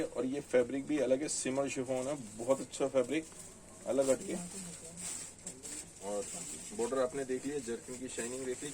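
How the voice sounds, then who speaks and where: A man's voice: medium pitch, far from the mic, noisy background. A man with a Delhi Hindi accent who runs a saree shop, chatting casually as he shows garments and reads out prices and sizes. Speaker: saree shop owner selling online. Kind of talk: casual sales talk showing garments.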